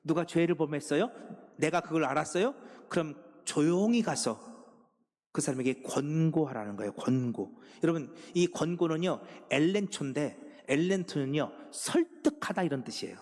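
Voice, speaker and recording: A man's voice: fairly high pitch, animated, moderate pace. Impassioned male pastor in a reverberant church. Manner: swings from hushed, whispered pleading to loud shouting exhortation. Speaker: senior pastor. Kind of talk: sermon. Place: church sanctuary. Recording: long reverb of a church sanctuary.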